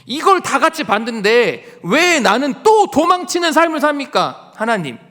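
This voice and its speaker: An exasperated prophet pours out his grievances, high and loud with pitch swinging widely and a sharp, bright edge, as a preacher puts him on. The complaint rings with long reverb, like a big church hall. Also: very animated, moderate pace, full character voice. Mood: indignant complaint. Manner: pleading, indignant, rising complaints.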